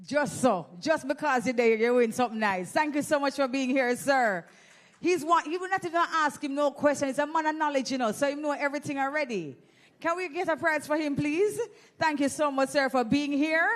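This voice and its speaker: A high, brisk female voice belongs to a Jamaican emcee chatting and teasing the crowd. She works a handheld microphone while keeping the banter lively.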